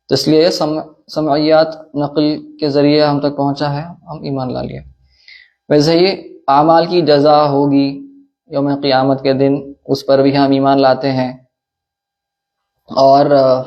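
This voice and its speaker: Male religious teacher, gravelly and flat delivery, measured explanations, dull lo-fi sound. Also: on the high side. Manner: recites Arabic text quickly. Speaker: teacher of Islamic creed and law. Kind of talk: religious lesson.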